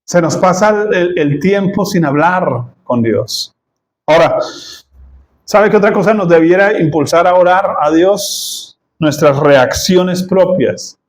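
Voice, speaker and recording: A man delivers a sermon as a pastor, talking to his congregation in a casual, joking way. His voice sits high and he takes his time, often stopping to ask if they follow. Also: slow. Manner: conversational, asks the congregation "¿sí?" often; acts out quoted voices and laughs at his own jokes.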